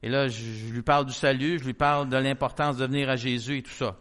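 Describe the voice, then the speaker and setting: Preaching with a Québécois French accent, this middle-aged man narrates a testimony in sermon form and performs each character's lines like a lively storyteller. He talks fast in a mid-range register.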